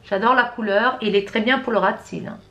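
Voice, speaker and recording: A woman's voice: fairly high pitch, fairly even intonation, fast talker, bright, forceful tone. A middle-aged woman from France, chatting her way through a makeup tutorial, talking straight to her viewers and often correcting herself. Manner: chatty, self-correcting, addresses viewers directly. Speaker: beauty vlogger.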